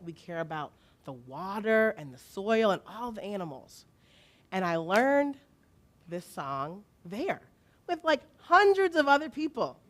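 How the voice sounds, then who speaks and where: A woman leading a congregation in learning a song, playful and encouraging, her voice a bit worn from being recently lost. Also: lowish voice. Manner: playful, encouraging, slow and deliberate. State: recovering from a lost voice. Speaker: song leader at church service.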